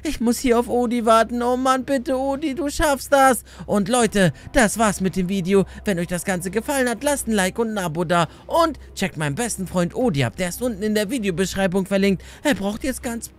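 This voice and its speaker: A young man doing excited let's-play commentary as a gaming YouTuber, talking straight to his viewers with lots of exclamations. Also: high-pitched, fairly quick, hardly any pauses. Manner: animated, exclamatory, addresses viewers directly.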